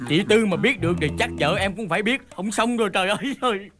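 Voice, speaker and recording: An actor playing a sly, scheming male friend in a stage comedy, talking in fast, wheedling patter. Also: high voice, lively intonation. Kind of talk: stage comedy skit acting. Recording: loud backing music on stage.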